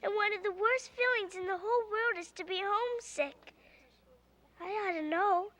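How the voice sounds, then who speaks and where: A woman playing an outspoken, sensible young girl in a theatrical fantasy drama, often calling out loudly. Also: very high voice, moderate pace. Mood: indignant, frank.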